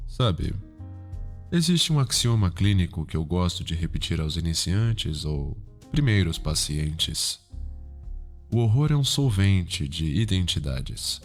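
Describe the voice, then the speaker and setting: A man with a Brazilian accent plays a calm, cultured, sinister psychiatrist in an ASMR roleplay, probing softly in a formal, measured manner. He sits low with an exaggerated voice, and background music plays.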